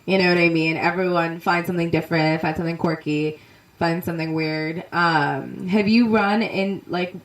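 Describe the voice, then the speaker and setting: A woman's voice: on the low side, reverberant, distant mic, rough recording. A woman interviewing a musician in upbeat, giggly casual chat, full of "like" and "you know". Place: inside a parked trailer.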